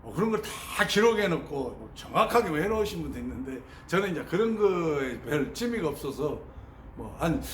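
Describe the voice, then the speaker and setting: A man telling his spiritual experiences in an animated, storytelling way and mimicking sounds as he teaches. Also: fairly high pitch. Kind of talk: spoken teaching on meditation experiences. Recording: roomy sound with faint ambient noise.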